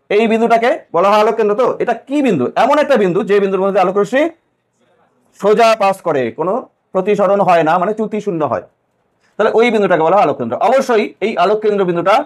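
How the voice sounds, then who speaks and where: High-voiced man teaching a class. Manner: questioning, repeats key points to students. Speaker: physics teacher. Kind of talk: classroom lecture.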